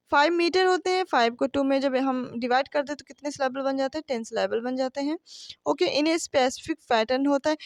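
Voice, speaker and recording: In a studio-quality recording with no room sound, a high-voiced woman gives an exam-prep English literature lesson. She reads out questions before explaining them, poses rhetorical questions that she answers herself, and addresses her listeners as friends.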